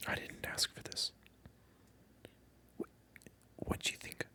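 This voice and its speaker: An ASMR video creator whispers a monologue close to the microphone, speaking slowly. They address the viewer in a teasing, mock-indignant manner, repeating themselves.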